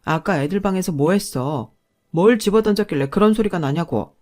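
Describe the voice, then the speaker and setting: A woman voicing an angry husband who shouts accusations at his mother. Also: fairly low pitch, animated, a little fast, lightly acted.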